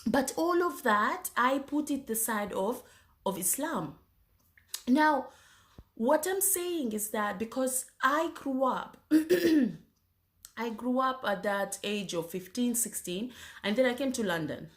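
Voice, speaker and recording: A woman from Zanzibar shares her personal faith testimony, her lively voice sitting on the high side. She halts often, restarting sentences and leaning on fillers, and keeps clearing her throat and coughing between phrases.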